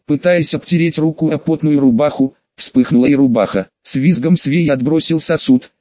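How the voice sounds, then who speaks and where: A man narrating an audiobook in a steady, even storytelling manner. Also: fairly high pitch, moderate pace, no room sound. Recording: dull muffled dry audiobook recording.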